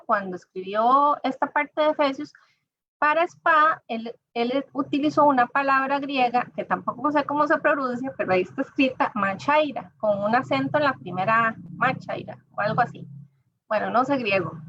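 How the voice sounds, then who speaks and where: A woman with a fairly high, bright voice delivers an informal sermon at church, chatting with her listeners and speaking to them directly. The recording is dull, dry and lo-fi.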